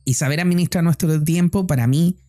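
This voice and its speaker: A man with a Chilean accent sharing personal reflections in a podcast chat, speaking thoughtfully with frequent pauses. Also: a little high, mellow, faint music behind. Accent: Chilean Spanish. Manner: thoughtful, personal, many "eh" fillers. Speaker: co-host.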